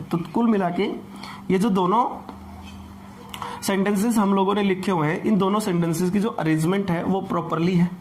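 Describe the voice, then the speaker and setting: A man's voice: high-pitched, slight background noise. A man teaching an English grammar class, explaining patiently and repeating points, often asking rhetorical questions.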